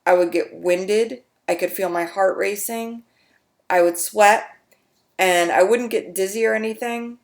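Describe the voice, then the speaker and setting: A woman explaining her own heart condition in a casual video diary, halting and slightly out of breath, with frequent restarts. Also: mid-range voice.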